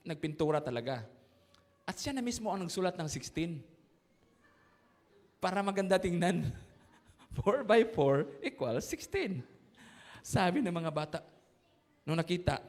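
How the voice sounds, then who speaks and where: Filipino pastor guy, super high voice, joking sermon story, big church echo. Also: a bit bright. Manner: storytelling with jokes, acts out voices, laughs along. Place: church sanctuary. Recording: long church reverb.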